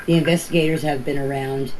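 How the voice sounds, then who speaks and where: An older woman with a low, steady voice talks fast in casual phone voice messages to a group chat. She's plain-spoken and rambling, often repeating herself, and the amateur recording is noisy.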